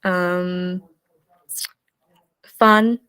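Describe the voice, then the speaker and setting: A woman's voice: on the low side, steady tone, extremely slow, a bit bright, clean tone, no room sound. A young woman presenting an online workshop in a bubbly, chatty way, full of fillers. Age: young adult. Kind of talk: casual online workshop talk.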